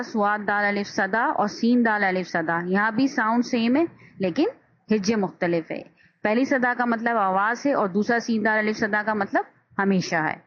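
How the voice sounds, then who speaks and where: A woman at a middle pitch walks through a grammar lesson, patient and explanatory, pausing to check that listeners follow. She slips English words into her explanations. The recording sounds dull and lo-fi. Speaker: teacher.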